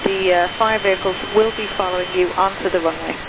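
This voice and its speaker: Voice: mid-range voice, fairly even intonation, fast talker, vocal fry. Air traffic controller on noisy radio. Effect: radio transmission. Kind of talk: clipped aviation radio instructions.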